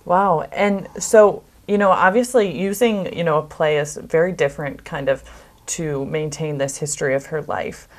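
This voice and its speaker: A woman hosts a local interview, with a notably low-pitched voice. She asks questions with many "you know"s and backs up her guest with quick agreeing sounds. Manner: encouraging, frequent backchannel replies. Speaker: interviewer, host. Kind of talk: interview conversation.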